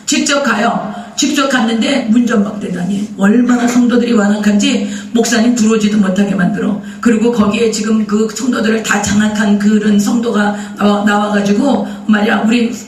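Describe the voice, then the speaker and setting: A man preaches in a high voice, telling the story with lively questions thrown to his congregation. He is recorded from a bit away from the mic. The sound rings around a large, echoey church sanctuary. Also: normal speed, hardly any pauses, distant mic. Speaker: pastor. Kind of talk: sermon.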